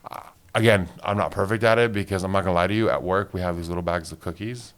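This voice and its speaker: Podcast co-host, man in his late thirties, lowish voice, chatty and animated. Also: quick pace. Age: 30s. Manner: animated, laughs often, many fillers like "like". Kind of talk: casual chat.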